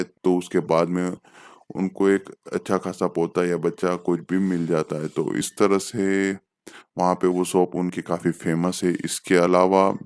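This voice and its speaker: A man with a low, smooth voice talks through a film's story in a relaxed, off-the-cuff recap. He keeps a steady, level tone, pausing on fillers and correcting himself as he goes, recorded close and dry. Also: dry recording. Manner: unscripted, with hesitant fillers and self-corrections. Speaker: film reviewer. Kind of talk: casual film plot recap.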